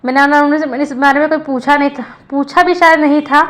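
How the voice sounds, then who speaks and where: A woman's voice: high voice, steady tone, fast talker, a bit bright. A young woman vlogger talking casually and earnestly about her family, rambling with frequent restarts. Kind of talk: casual personal vlog.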